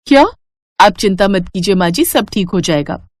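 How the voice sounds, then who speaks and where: A woman's voice: mid-range voice, expressive, moderate pace, close to an everyday voice. A woman voicing a devoted young daughter-in-law who speaks earnestly and pleads. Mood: reassuring.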